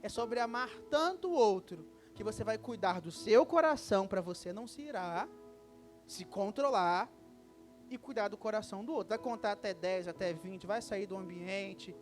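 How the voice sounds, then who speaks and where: A Brazilian pastor preaching with an unusually high voice for a man. He talks in a lively, casual way and keeps slipping into quick little acted exchanges. Soft music plays faintly behind him. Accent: Brazilian Portuguese. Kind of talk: sermon. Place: church service.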